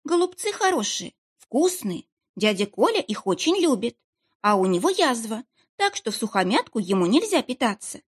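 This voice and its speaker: A young woman playing the fool in a high, whiny, trembling voice, as a woman reader puts her on. She rambles in a pitiful, childlike chatter, her pitch swooping up and down. The tone stays a little husky and breathy throughout this storybook reading. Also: big pitch swings, moderate pace.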